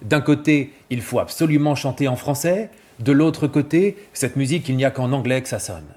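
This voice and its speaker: A male vocal coach giving a clear, didactic scripted explanation and demonstrating examples. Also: mid-range voice, normal speed, dark tone.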